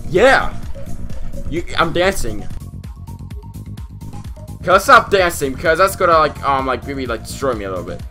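A man recording let's-play commentary from inside a closet at night, excitable and frustrated, talking to his viewers. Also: on the high side, normal speed, long pauses, faint music behind. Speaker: gamer.

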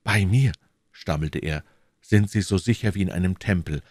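A man's voice: low-pitched, moderate pace, darkish tone, no room sound, studio quality. A man voicing a bold, devoted young swordsman in an audiobook, eager and declamatory. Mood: ardent. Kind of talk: audiobook reading, acted dialogue.

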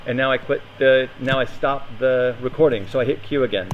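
A man's voice: mid-range voice, fairly even intonation, a little fast, dull audio, slight background noise. A man giving a live coding demo at a meetup, thinking aloud and hesitating often. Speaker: meetup presenter. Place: meetup room.

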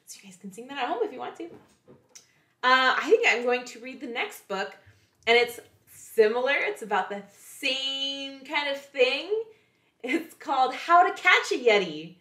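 Lively playful woman reading to kids. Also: high-pitched, moderate pace, roomy sound. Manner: playful, asks children questions. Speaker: children's librarian. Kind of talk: reading picture books aloud to children.

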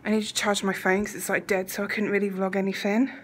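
A young woman chatting casually to her phone camera in a travel vlog, often slipping into breathy half-whispered asides. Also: medium pitch, level tone, quick pace, slight background noise, poor audio. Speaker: vlogger.

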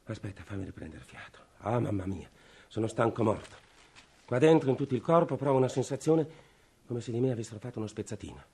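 An actor playing a desperate, worn-out middle-aged state official with a breathless, pleading manner, in 1950s radio drama. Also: male voice, mid-range voice, expressive, quick pace, a little mellow, husky. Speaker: worn-out family man begging for a revolver.

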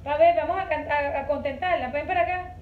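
High-voiced, dramatic woman vlogging. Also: brisk. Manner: chatty, dramatic, exclamatory. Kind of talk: casual vlog chat. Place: at home. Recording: muffled with clear noise.

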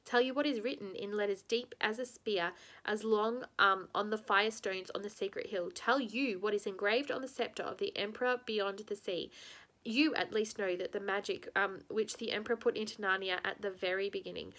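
A woman voicing a cold, menacing witch queen in a storybook reading, shrill and imperious. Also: fairly even intonation, moderate pace, a bit bright, lightly acted.

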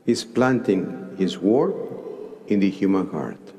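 A man in his sixties with a Mexican Spanish accent, an archbishop preaching a homily slowly in short deliberate phrases at a cathedral pulpit microphone. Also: low voice, expressive, warm tone, soft background music. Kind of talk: sermon. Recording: long cathedral reverb.

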